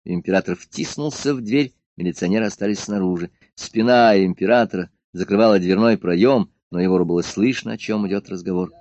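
A man narrating a novel as an audiobook, reading evenly and unhurried. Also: low-pitched, a little mellow, dry recording. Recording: dull dry lo-fi studio recording.

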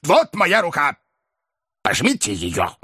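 A man voicing a fierce-looking gentleman, now eager to make peace, who talks in clipped short sentences in a classic novel audiobook. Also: a little high, wildly swooping pitch, slow pace, husky, no echo, studio quality, voice pushed up, exaggerated voice. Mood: earnest. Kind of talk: audiobook character reading.

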